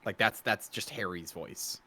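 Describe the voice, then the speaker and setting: A man with a slightly low voice chats casually as a game co-commentator. There is faint noise behind him. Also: unhurried, sharp tone. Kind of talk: casual chat.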